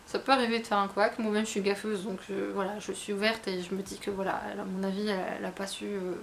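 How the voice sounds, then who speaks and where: Woman, casual chat, rambling, restarts, mid pitch, faint background noise. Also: little pitch movement, quick pace. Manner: chatty, rambling, with many fillers and restarts. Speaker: book vlogger.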